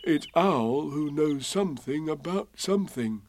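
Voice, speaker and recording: A man's voice: fairly high pitch, animated, unhurried, a little mellow, no echo, voice pushed up. A man voicing a kindly, simple-witted toy bear in a storybook, speaking earnestly and solemnly. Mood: musing.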